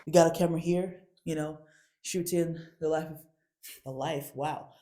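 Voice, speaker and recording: A woman's voice: deep voice, fairly even intonation, moderate pace, dark tone, roomy sound. Chatty, laughing woman comedy host. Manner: rambling, self-deprecating, laughing at herself. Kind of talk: casual stand-up chat.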